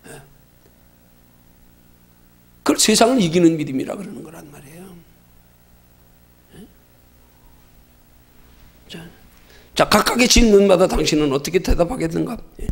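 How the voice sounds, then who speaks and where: A middle-aged male pastor leading a Bible study, emphatic and full of rhetorical questions, at times shouting. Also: on the high side, animated, moderate pace, gravelly, pauses often.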